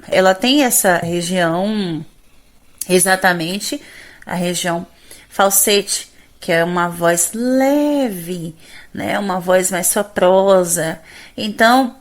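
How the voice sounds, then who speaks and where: A woman with a Brazilian Portuguese accent, a singing teacher explaining vocal registers step by step, often ending phrases with "né?" and singing brief demonstrations. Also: medium pitch.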